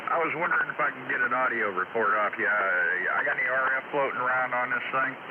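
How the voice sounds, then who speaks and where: A man's voice: mid-range voice, quick pace. A man from Ohio making a polite, casual ham radio contact with call signs, heard through a radio receiver. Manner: polite, short replies with fillers. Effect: heard over a ham radio receiver. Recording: tinny radio signal under loud static.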